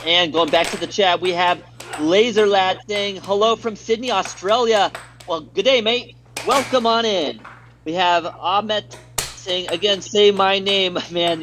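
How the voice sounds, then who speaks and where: A man's voice: sits high, a bit bright, a little hiss or hum. An American man doing live play-by-play commentary on a stream, reading viewer chat aloud between plays in an upbeat way.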